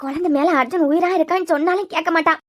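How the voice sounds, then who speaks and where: A woman's voice: very high-pitched, fairly even intonation, rapid-fire, fairly bright tone. A woman with a Kanyakumari Tamil accent voicing a fretful old grandmother who wails and laments over her grandchild in a cartoon serial. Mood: pleading. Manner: lamenting, wailing.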